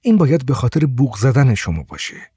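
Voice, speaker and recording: A man voicing a gentle, shy blind woman who speaks softly and hesitantly, stammering at times. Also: mid-range voice, big pitch swings, husky, no echo, studio quality. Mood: wistful. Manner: soft, hesitant, stammers when upset.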